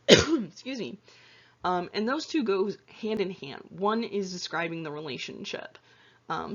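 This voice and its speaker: Walking through lecture slides, a woman who teaches anatomy and physiology chats casually, using lots of fillers and correcting herself. Her medium-pitched voice is becoming weary and hoarse, captured in lo-fi sound.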